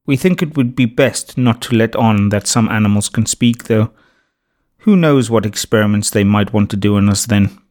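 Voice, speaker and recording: A man voicing a wary, serious female woodland animal who speaks slowly and carefully. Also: mid-range voice, animated, darkish tone, close to an everyday voice. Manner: slow, serious, measured.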